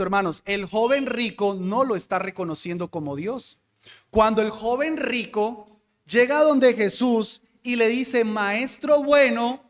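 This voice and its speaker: High-pitched guy leading bible class, asks the group stuff then answers it, echoey hall. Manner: explanatory, asks the class questions and answers them. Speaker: deacon teaching Bible class.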